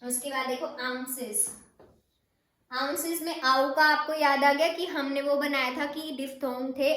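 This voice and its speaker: A woman teaching a shorthand class, who explains step by step and patiently repeats the example words slowly. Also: high voice, a bit bright. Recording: very echoey room.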